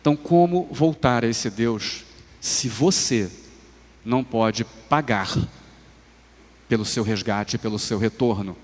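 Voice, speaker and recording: A Brazilian man preaching a sermon in an unhurried, deliberate cadence. His voice climbs into loud emphatic swells and then falls back soft and low. The livestream carries a long church-hall reverb around him. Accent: Brazilian Portuguese. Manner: slow, measured preaching with rising emphatic swells and soft drops. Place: church sanctuary.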